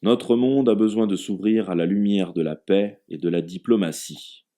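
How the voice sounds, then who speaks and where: A man's voice: lowish voice, normal speed, warm tone, natural voice. A man voicing a genial middle-aged father, a former scholar, in a contented tone.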